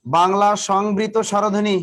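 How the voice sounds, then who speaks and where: A man's voice: high voice, level tone, normal speed, fairly bright tone. A male teacher giving a live classroom lecture, drilling students with repeated questions and teasing or scolding them. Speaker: exam coaching teacher.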